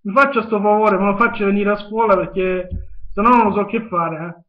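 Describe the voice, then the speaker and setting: A man's voice: high-pitched, steady tone, brisk. A young man with a southern Italian accent making a prank phone call, talking in a hesitant, insistent, pleading way. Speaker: prank caller. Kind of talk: improvised phone prank chat. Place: small home kitchen, indoors. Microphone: webcam at arm's length. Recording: dull webcam sound, echoey room.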